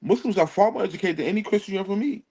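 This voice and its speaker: A man's voice: high-pitched, darkish tone, husky. A man who joins a live online panel as a guest and argues his side, cutting in often and apologizing along the way. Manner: quick to interject, apologetic, then argumentative. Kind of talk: casual debate on a live panel.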